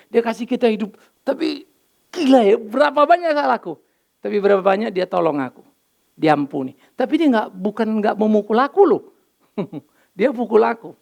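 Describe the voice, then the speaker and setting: Gravelly, animated older pastor preaching. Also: male voice, sits high. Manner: lively storytelling, acts out dialogue, mixes in English phrases. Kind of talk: sermon. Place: church.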